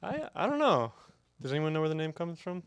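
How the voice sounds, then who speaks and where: A man's voice: fairly high pitch, big pitch swings, fairly quick, clean tone. A young man, a university student in a band, answering interview questions hesitantly and with a lot of easy laughter. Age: young adult. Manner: hesitant, laughs easily, modest. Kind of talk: casual interview chat.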